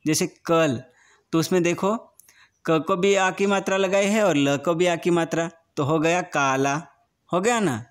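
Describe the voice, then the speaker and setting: A man teaching a grammar lesson to young children, patient and repetitive, often asking whether it is clear. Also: on the high side, fairly even intonation. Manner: slow and patient, often repeating words and asking if it is understood.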